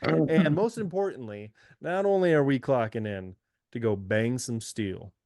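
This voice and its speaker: A man's voice: medium pitch, lively intonation, measured pace, a little mellow, no room sound, clean studio sound. A man co-hosting a casual sports podcast, joking and teasing his friends. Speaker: podcast co-host.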